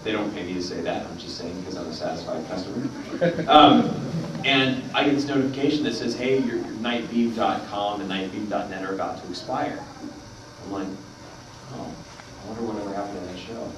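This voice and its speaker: A man's voice: lowish voice, steady tone, brisk. A man telling a long story at a convention panel, rambling with many fillers. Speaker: panel guest. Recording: echoey hall from far off, noisy.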